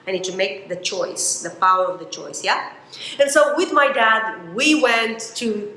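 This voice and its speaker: A woman gives a motivational talk with emphatic, expressive storytelling. Her voice sits in a middle range for a woman. It carries a noticeable roomy echo, as if from a stage in a hall. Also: medium pitch. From Romania. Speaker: motivational speaker.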